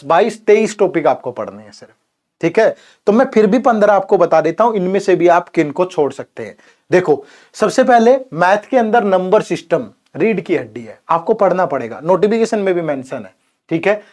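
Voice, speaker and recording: High-voiced Hindi-speaking male teacher. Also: animated, normal speed, darkish tone. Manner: casual, keeps saying "theek hai" and "yaar". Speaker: exam prep teacher. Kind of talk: informal Hindi lecture.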